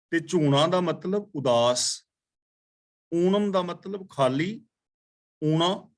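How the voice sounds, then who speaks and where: A man teaching a daily scripture class in Punjabi, chanting verses slowly and then explaining each word. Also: on the high side.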